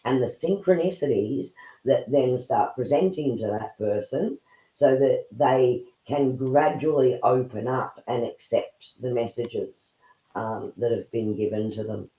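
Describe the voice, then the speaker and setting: A woman co-hosts a livestream over a video call, encouraging and reading out messages. Her voice is warm and mellow, with an echoey room ringing around it. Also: a bass voice, unhurried. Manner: encouraging, reads out messages and adds advice. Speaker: livestream co-host. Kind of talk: casual livestream chat.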